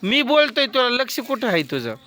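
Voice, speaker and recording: A man's voice: extremely high pitch, very animated, normal speed, bright, forceful tone. A man filming a vlog who keeps pressing questions and scolds in a casual family chat. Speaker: vlogger.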